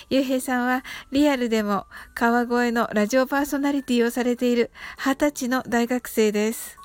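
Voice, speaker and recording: A woman hosting a podcast English lesson, talking politely and chattily with soft fillers. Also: a little high. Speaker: host of an English-learning podcast.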